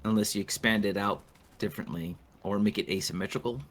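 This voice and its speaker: A man co-hosting a casual video game review, speaking calmly and matter-of-factly. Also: on the low side, quick pace. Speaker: co-host. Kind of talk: casual gameplay review chat.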